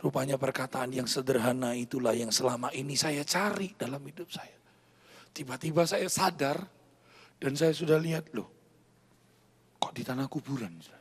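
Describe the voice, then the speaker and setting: A pastor, preaching a sermon with personal testimony, dramatic and swinging from hushed to loud. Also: male voice, medium pitch, moderate pace, slightly rough. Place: church service.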